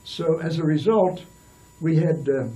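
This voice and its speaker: Older man, interview guest, rambling anecdotal delivery, slightly raised pitch, mellow tone, mic a bit distant. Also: measured pace. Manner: rambling, with many restarts and fillers. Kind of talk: storytelling in a casual interview.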